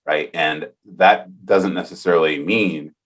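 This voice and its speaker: A man's voice: deep voice, fairly even intonation, measured pace. A man in his forties hosting a podcast interview, talking earnestly and enthusiastically as he thinks aloud. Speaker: podcast host. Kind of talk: casual interview conversation.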